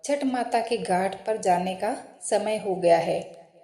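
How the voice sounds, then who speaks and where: A woman voicing a calm, firm young husband. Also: medium pitch, slow pace, gravelly. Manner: firm, reasonable. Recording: roomy echo.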